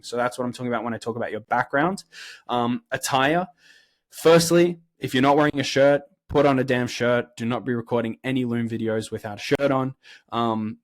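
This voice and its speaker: A man's voice: mid-range voice, no echo. A man in his twenties with an Australian accent, giving blunt, direct career advice to camera and often checking in with "right?". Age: 20s. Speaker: sales career coach. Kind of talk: instructional talk to camera.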